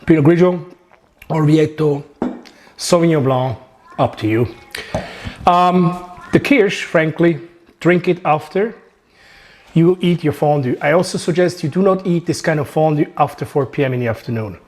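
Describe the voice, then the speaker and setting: A man's voice: on the high side, moderate pace, long pauses. Chatty Swiss-accented man cooking at home. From Switzerland. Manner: chatty, joking, relaxed instructions. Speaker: chef. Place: home kitchen.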